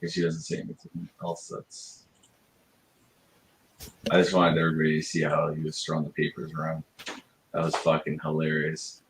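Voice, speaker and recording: A man's voice: extremely low pitch, moderate pace, gravelly, long pauses, a bit bright, echoey room, slight background noise, rough recording. A man hosting a casual chat who rambles, swears and laughs often. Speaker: host.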